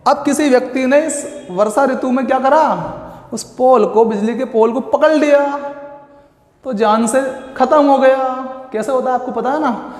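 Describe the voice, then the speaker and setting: A man teaching an exam coaching class, playful and drawn-out, repeating key words slowly as memory tricks. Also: very high-pitched. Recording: echoey long-reverb room.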